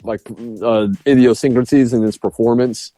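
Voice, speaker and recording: A man's voice: mid-range voice, moderate pace, no room sound. A man co-hosting a podcast, casually talking through a film review with laughs and restarts. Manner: animated retelling with frequent laughs and restarts. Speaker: podcast co-host.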